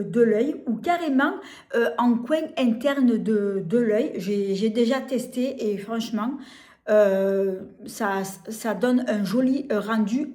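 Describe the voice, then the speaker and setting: French lady doing a makeup demo, slow and mellow, lots of umms, roomy echo. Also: a little high. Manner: hesitant, many fillers and repeated words; gushing, enthusiastic over products. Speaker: beauty vlogger. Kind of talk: casual product demo. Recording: echoey room.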